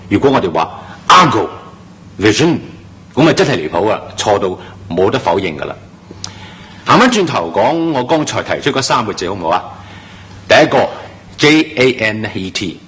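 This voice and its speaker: Man, english pronunciation teacher, animated pitch, emphatic, slow drawn-out model words. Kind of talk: classroom-style pronunciation lesson.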